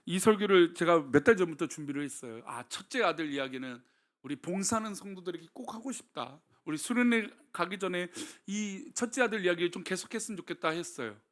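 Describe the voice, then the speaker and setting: High, lively-voiced man preaching a sermon. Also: a little fast. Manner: emphatic preaching, often rising to shouts; addresses the congregation directly with rhetorical questions. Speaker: senior pastor. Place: church sanctuary before a congregation.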